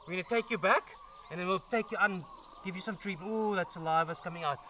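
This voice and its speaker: A man's voice: high-pitched, fast talker, pushed and bright, slight background noise. A man presenting a casual wildlife vlog outdoors at an animal sanctuary, chatty and enthusiastic as he handles a large snake.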